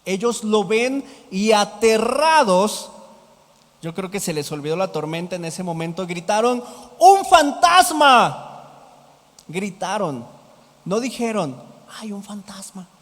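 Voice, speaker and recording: A man's voice: high voice, expressive, measured pace. A man preaching a sermon as pastor, asking the congregation rhetorical questions. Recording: hall reverb.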